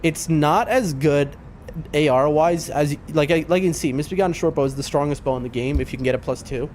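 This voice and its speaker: A man's voice: on the high side, brisk, darkish tone, a little hiss or hum. A man who sounds sick, giving casual live gaming commentary, thinking aloud in informal gamer slang. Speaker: video game streamer.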